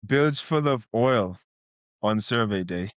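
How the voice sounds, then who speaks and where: A man, answering interview questions as a guest surveyor in a measured, plain-spoken way. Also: on the low side, animated, clear, resonant tone, no echo. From Bahamas.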